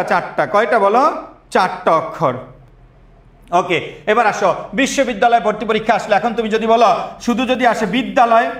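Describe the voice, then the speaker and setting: A young man runs an online admission class with lots of energy, quizzing students by asking the same questions repeatedly. His voice is high-pitched and reverberant.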